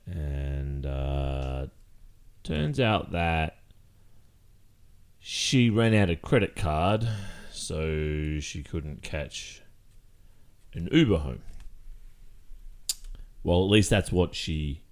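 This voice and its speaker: A man playing a guilty boyfriend in an ASMR role-play, speaking haltingly and carefully with long pauses. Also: a bass voice, animated, exaggerated voice. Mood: halting, uneasy. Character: hesitant guilty boyfriend confessing, soft and careful.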